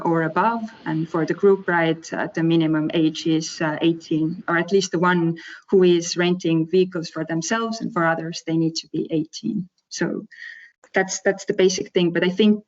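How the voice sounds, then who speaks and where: Woman, lowish voice. Company rep presenting informally, hesitant and halting. Dull, lo-fi audio. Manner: hesitant, halting, with frequent pauses. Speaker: company representative for a scooter rental operator. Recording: dull, lo-fi sound.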